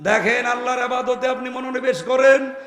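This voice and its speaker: Fiery high-voiced male preacher, echoey. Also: fairly even intonation, moderate pace. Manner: fervent, shouting for emphasis. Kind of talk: waz sermon. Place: outdoor religious gathering with PA.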